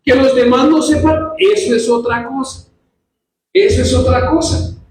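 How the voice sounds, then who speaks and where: Pastor, man, very high voice, animated sermon; distant mic in a very echoey church hall. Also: unhurried. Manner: animated preaching, acts out quoted voices. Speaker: pastor teaching a church service.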